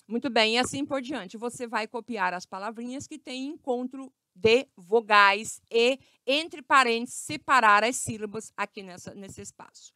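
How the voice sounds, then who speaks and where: A woman's voice: fairly high pitch, sharp tone, dry recording. A woman teacher with a Brazilian Portuguese accent, giving a grammar lesson to children, stretching out words and often checking in with her class. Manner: slow, stretched words with frequent check-ins.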